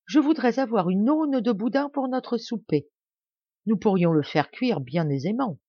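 A woman reading a fairy tale aloud, voicing an impulsive, quarrelsome poor peasant wife in a lively, excitable way. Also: on the high side, a little slow, breathy edge. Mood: musing. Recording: dry, slightly dull home recording.

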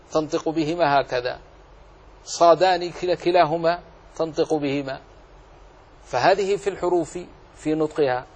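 Man teaching recitation rules, deliberate and repetitive. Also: a little high, a little mellow, breathy edge. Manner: deliberate, repeats key phrases to drive them home; demonstrates recitation between explanations. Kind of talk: lesson explaining a classical poem line by line.

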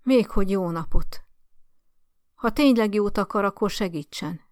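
A woman's voice: mid-range voice, a little mellow, dry recording, clean studio sound, close to an everyday voice. A woman voicing a gasping, indignant old woman of ninety-four. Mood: indignant, demanding. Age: older. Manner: gasping, demanding, scolding. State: out of breath.

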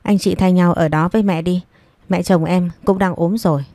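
A woman's voice: lowish voice, steady tone, normal speed, dark tone, no room sound, close to an everyday voice. A woman voicing a resentful youngest daughter who complains and defends herself. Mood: defensive.

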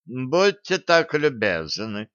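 A man voicing a sullen, reasoning male soldier in an audiobook, gloomy and deliberate. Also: mid-range voice, sing-song, a bit bright, no echo. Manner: gloomy, deliberate, overly polite. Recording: dry, slightly dull recording.

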